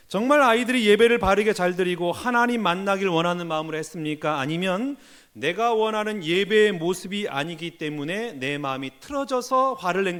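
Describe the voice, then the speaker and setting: Man pastor preaching in church, high voice, keeps asking the people real questions. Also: a bit bright. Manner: earnest, questioning the congregation directly. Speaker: senior pastor. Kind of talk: sermon. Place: church sanctuary.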